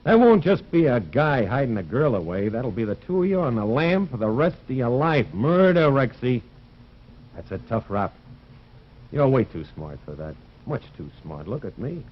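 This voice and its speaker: A man's voice: medium pitch, very animated, normal speed. An American man playing a wry, cool-headed private detective in a 1950s crime drama. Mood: cool, taunting. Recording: dull vintage broadcast sound.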